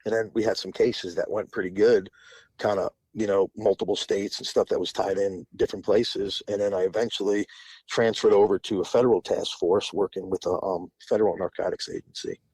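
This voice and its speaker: A man in his forties speaks in a lowish, steady, brisk voice that is slightly mellow with a breathy edge, recorded dry and at low quality. He's a podcast guest spinning long, rambling stories in a casual interview, restarting often and laughing between phrases.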